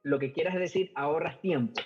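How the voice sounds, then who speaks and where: A middle-aged Ecuadorian podcast guest speaks a little fast in a somewhat high, slightly mellow voice, telling stories in a casual, conversational way with an Ecuadorian Spanish accent. He's hesitant, leaning on fillers and repeating words. The lo-fi podcast audio is muffled, with faint music.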